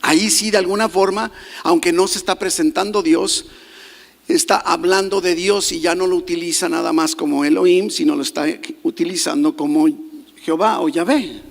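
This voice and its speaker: A man's voice: high-pitched, fairly even intonation, moderate pace, vocal fry, big-room sound. A man preaching a sermon as pastor, emphatic and often putting questions to the congregation. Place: church.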